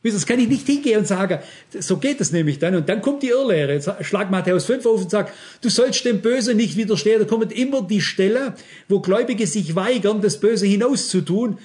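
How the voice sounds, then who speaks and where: A preacher with a notably high voice delivers an emphatic sermon. He speaks straight to his congregation and keeps asking them whether they follow him. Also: expressive, fairly quick, a little mellow. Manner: emphatic, addresses congregation directly with rhetorical questions.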